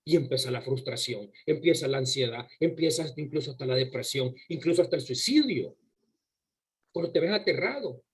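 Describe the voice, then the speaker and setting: A man's voice: mid-range voice, lively intonation, a little fast, breathy edge, rough recording. A man preaching a sermon to his congregation, emphatic and full of rhetorical questions, often repeating words as he goes. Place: church service before a congregation.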